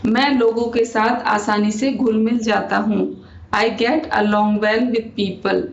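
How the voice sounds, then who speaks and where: A young woman gives an English lesson, saying every phrase slowly and twice over. Her voice has a gravelly, creaky edge. The recording is echoey and dull, like a bare room on a lo-fi mic. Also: a little high, steady tone. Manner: repeats each English sentence slowly and deliberately. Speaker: English teacher.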